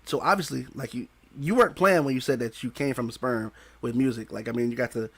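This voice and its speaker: A man's voice: medium pitch, fairly quick, fairly bright tone. A man in his thirties hosting a podcast interview on a headset mic, asking loose, rambling questions full of slang. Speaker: podcast host. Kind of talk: casual interview. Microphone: headset with studio mic.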